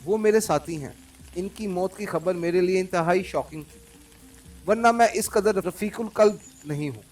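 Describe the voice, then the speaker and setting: A man's voice: high-pitched, moderate pace, far from the mic. A man voicing a defiant young woman spy boss. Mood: sulky. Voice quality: pleading, then sulky and sharp. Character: distressed young woman gang leader, defiant. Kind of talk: audiobook character reading.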